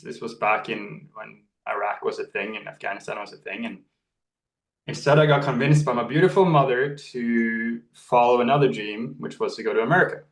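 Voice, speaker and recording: A low-quality, echoey recording captures a young Norwegian actor and model at medium pitch, far from the mic. He chats reflectively and earnestly as an interview guest, often restarting his phrases.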